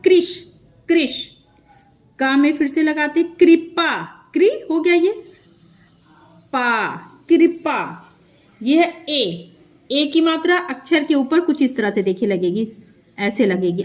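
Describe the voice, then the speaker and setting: High-voiced woman teaching letters patiently. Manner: slow, patient, drawn-out syllables; repeats sounds for learners. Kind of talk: children's Hindi script lesson.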